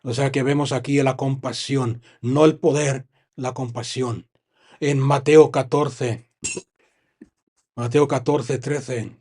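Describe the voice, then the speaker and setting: A man with a Spanish accent from Spain, preaching a sermon and reading Bible verses aloud, with frequent pauses to comment and stress his points. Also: mid-range voice, steady tone, darkish tone, husky. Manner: reads scripture, then stops to comment and stress points. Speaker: pastor.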